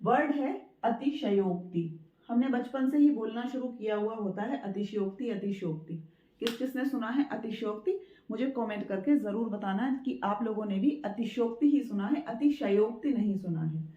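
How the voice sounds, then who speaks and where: A woman teaching a spoken writing lesson, patiently repeating her points, checking in with listeners and sounding out words slowly syllable by syllable. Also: a little high, mellow. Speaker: Hindi teacher. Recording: echoey room, dull lo-fi sound.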